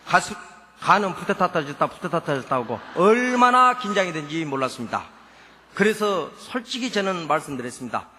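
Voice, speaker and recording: A man's voice: fairly high pitch, big pitch swings, fairly quick, bright, forceful tone, in a large hall, a little hiss or hum. A man from South Jeolla with a Jeolla dialect accent, a church elder giving a folksy, humorous testimony at a revival meeting. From Suncheon, South Jeolla, Korea. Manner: folksy, storytelling, playful dialect jokes.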